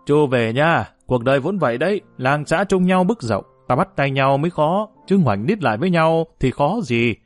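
A man voicing a blunt, loud older village man in an audiobook. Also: on the high side, expressive, moderate pace, hardly any pauses, no echo, soft background music, natural voice. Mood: hearty.

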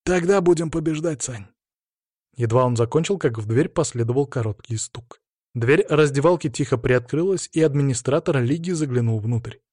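Steady male storyteller. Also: mid-range voice, normal speed, no room sound, clean studio sound. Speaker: narrator. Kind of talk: scripted first-person narration.

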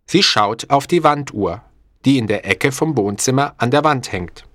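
A man narrating a storybook slowly and clearly, in a deliberate, expressive way for language learners. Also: mid-range voice, dry recording, clean studio sound.

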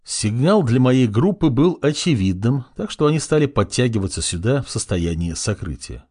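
Husky, lively male audiobook narrator. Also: medium pitch, normal speed. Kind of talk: first-person audiobook narration.

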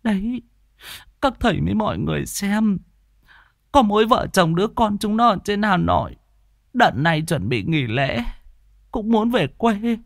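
A man's voice: high-pitched, sing-song, normal speed, creaky, long pauses, no echo, clean studio sound, voice pushed up, exaggerated voice. A man voicing a fretful old village woman who whimpers and pleads. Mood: tearful.

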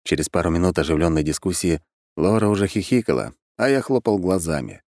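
Low-voiced man narrating an audiobook. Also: animated, a little fast, a little mellow, no room sound, studio quality. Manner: wry, conversational. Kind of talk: first-person audiobook narration.

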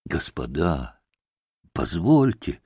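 A man's voice: very deep voice, sing-song, drawn-out words, warm tone, husky, no room sound, studio quality, voice pushed down, full character voice. A man reading the lines of an agitated young man under accusation in an audiobook, pleading emotionally.

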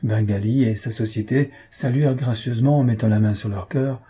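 A man reading a comic story aloud, voicing the crowd's shouts with raised pitch. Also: a little fast, breathy edge. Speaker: audiobook reader. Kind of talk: storybook narration.

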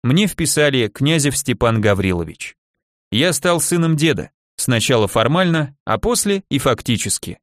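A man narrating an audiobook in a measured, expressive storytelling manner. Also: on the high side, dry recording, clean studio sound. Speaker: audiobook reader. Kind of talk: scripted narration.

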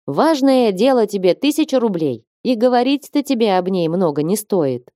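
A woman's voice: mid-range voice, sing-song, moderate pace, warm tone, dry recording, studio quality, pitched above the performer's own voice, natural voice. A woman reading aloud as a wealthy, domineering male merchant who coaxes but will not yield. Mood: coaxing. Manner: coaxing yet unyielding, proverb-quoting.

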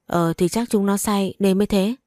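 A woman's voice: mid-range voice, fairly even intonation, moderate pace, a little mellow, no room sound, clean studio sound, lightly acted. A woman voicing a scheming, scolding older mother-in-law in a storybook reading.

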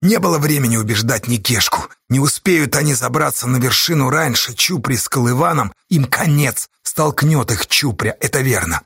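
A man narrating an audiobook in a measured, dramatic storytelling manner. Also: medium pitch, expressive, creaky, fairly bright tone, slightly rough, no echo, clean studio sound.

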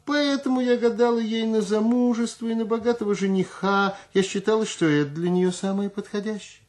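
A man voicing a shrewd, unflappable old woman fortune-teller in a high, sing-song way. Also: fairly even intonation, fairly quick, a little mellow, lightly acted. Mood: nonchalant.

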